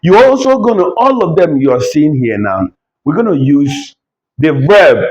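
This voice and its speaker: Guy teaching at a whiteboard, lively up-and-down voice, drills words over and over. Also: fairly high pitch, poor audio. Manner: repeats words slowly for drilling, animated. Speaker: language teacher. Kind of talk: whiteboard language lesson.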